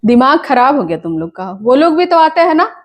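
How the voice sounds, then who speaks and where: A woman playing a complaining, scolding mother in a comedy sketch, nagging in quick bursts. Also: high-pitched, very animated, a little hiss or hum.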